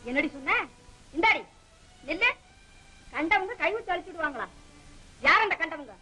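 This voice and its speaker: An actress playing a sharp-tongued scheming aunt in an old film, taunting and scolding. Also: female voice, very high-pitched, animated, moderate pace, exaggerated voice. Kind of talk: 1960s film acting.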